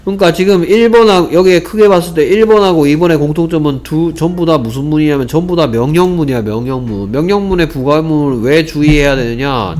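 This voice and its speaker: A man teaching an English grammar lesson, often asking whether students follow and slowly repeating example sentences. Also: a little high, darkish tone. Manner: asks rhetorical check questions, repeats example sentences slowly.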